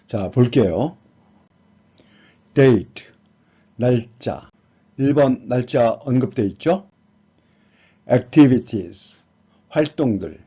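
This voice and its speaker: A man's voice: mid-range voice, animated, slow pace, pauses often, warm tone, breathy edge. A man teaching an exam prep lesson, patiently reading words and explaining them one by one. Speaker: English teacher. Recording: dull lo-fi sound.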